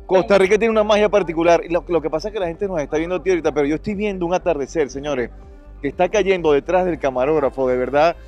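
Quick, effusive man in outdoor interview. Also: fairly high pitch, soft background music. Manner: enthusiastic, warm and effusive. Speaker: interviewed actor. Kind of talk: casual interview. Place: outdoor seaside event.

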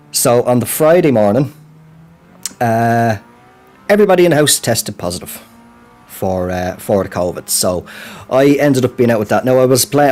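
A man's voice: on the low side, darkish tone. An Irish man giving a casual personal update as a gaming channel host, rambling and colloquial in a self-deprecating way.

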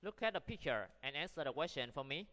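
A man's voice: fairly high pitch, animated, fairly quick, bright, forceful tone, in a large hall. A Vietnamese man with a Vietnamese accent teaching an online English lesson, drilling words for students to repeat and explaining in Vietnamese.

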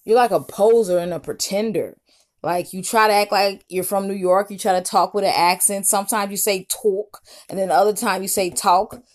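A woman's voice: mid-range voice, fairly even intonation, a little fast, a little mellow. Scornful woman commentator. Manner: scornful, mocking, lecturing. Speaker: YouTube commentator. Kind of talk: reaction commentary.

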